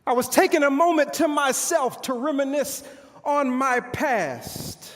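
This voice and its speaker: Playing a bitter, proud and boastful army commander of ancient Israel's era, a pastor delivers a theatrical stage monologue to an audience in a large church hall. The man's voice is high-pitched and fairly bright, his manner pompous and declamatory with dramatic pauses, and he sounds irritated. The echoey hall adds a long reverb.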